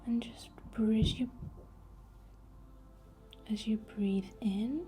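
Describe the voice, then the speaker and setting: A woman leads a healing session as an ASMR guided meditation, whispering softly, soothingly, and without hurry. Her voice is a little high, with fairly even intonation.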